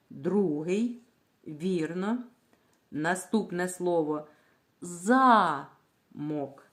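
Woman, teacher, slightly low voice, very slow, clear syllable-by-syllable reading lesson for children. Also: warm tone. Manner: asks questions and answers them herself. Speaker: primary school teacher. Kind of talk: literacy lesson for young children.

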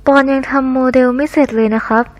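A woman's voice: sits high, steady tone, quick pace, voice pushed up, natural voice. Woman playing a shy, flustered teenage boy. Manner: flustered, defensive.

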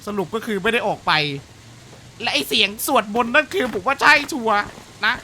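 Young man, high voice, bright tone, horror game commentary, jumpy, swears, shrieks at scares. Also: expressive, fairly quick, slight background noise. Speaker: gaming streamer.

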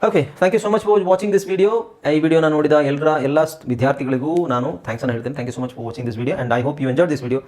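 A man's voice: fairly high pitch, a little fast, hardly any pauses, a little mellow. A man with a Kannada accent teaching English phonics, drilling words one by one and checking that students follow. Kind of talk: phonics lesson.

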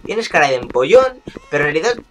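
A man's voice: on the high side, big pitch swings, fast, low-quality recording. A young man giving playful, chatty commentary on a game he is playing and talking straight to his viewers. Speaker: gaming YouTuber. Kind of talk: casual gameplay commentary.

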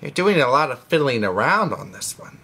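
A man's voice: medium pitch, big pitch swings, moderate pace, creaky, sharp tone, breathy edge, pitched above the performer's own voice, full character voice. A man voicing a fussy, doubting male angel with an incredulous, questioning manner. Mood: doubtful.

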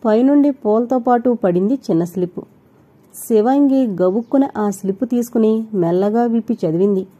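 A woman reading an audio novel aloud, with steady storytelling narration. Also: on the high side, moderate pace, lo-fi sound.

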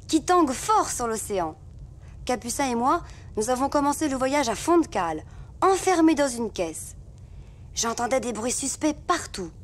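A woman narrating as a young girl reading her letters to a friend in a confiding tone. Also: high voice. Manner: gentle, confiding.

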